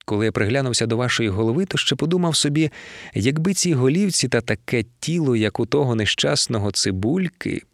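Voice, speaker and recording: A man's voice: medium pitch, lively intonation, a little fast, no room sound, studio quality, close to an everyday voice. A man voicing a genial, good-humored round adventurer in an audiobook. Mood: dreamy.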